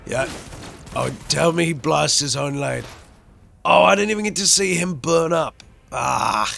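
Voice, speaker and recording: A man commenting excitedly as he plays a video game and reads its text aloud expressively. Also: a little high, a little slow, creaky. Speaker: gaming video host.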